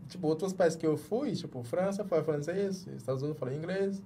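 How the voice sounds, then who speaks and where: Brisk and dark-toned, his voice sits on the high side, and there's a bit of background noise. He's a thirty-something journalist from Jamaica, Jamaican-accented, talking casually as an interview guest in a small padded studio and repeatedly restarting words while searching for them in Portuguese.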